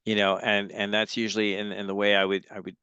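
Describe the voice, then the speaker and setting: A man from Los Angeles, a guest facilitator, talking enthusiastically in a conversational interview over a video call, telling lively stories. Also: lowish voice, fast talker, clean tone, no room sound, lo-fi sound. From Los Angeles, United States.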